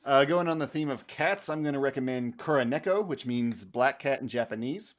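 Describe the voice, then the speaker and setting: A man on a podcast, recommending a film in casual chat with many pauses and fillers. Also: mid-range voice. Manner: halting, filler-heavy recommendation. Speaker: podcast juror.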